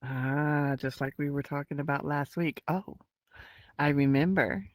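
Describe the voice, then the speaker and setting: A woman co-hosting a casual, flirty chat show, giggly and mock-innocent with drawn-out replies. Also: low voice, fairly even intonation, no room sound. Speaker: podcast co-host.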